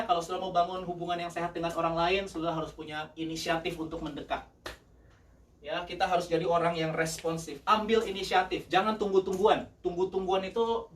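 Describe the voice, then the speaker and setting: A male pastor preaching a lively sermon, mixing English phrases in and laughing often. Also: high voice, far from the mic. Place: church service.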